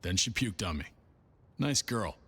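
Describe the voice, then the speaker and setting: A jaded security doorman in a video game. He is dry and sarcastic in a lowish voice, with long reverb trailing it. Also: big pitch swings, a little slow, bright, forceful tone, husky, heavily acted.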